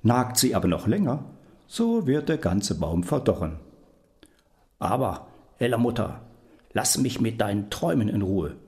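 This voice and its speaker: A man voicing a grumpy, blustering devil in a storybook reading, speaking gruffly. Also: lowish voice, sing-song, a little slow, pauses often, a little mellow. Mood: threatening.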